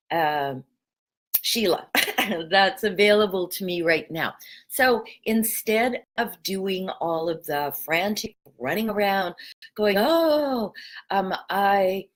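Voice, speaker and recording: A middle-aged woman who works as a spiritual coach speaks with a Pacific Northwest American accent and a lowish voice. Her talk is casual spiritual vlog material, gentle and chatty, with guided breathing.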